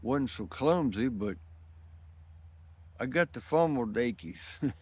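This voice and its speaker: Slow and a bit mellow, this man's mid-range voice is husky and expressive as he rambles outdoors in windy weather about his pipe. The pipe-smoking vlogger is worn out and sweaty from work and talks in a casual, folksy, rural manner.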